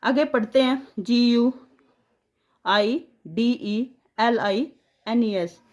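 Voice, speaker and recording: Slow woman spelling teacher. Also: a little high, a little mellow. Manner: slow, drawn-out syllable-by-syllable dictation. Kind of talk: spelling lesson, sounding out letters.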